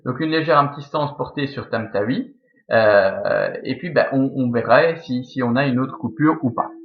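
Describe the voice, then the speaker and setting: A man's voice: medium pitch, normal speed, dull audio. A man with a Belgian French accent teaching Latin verse scansion, thinking aloud step by step with many fillers.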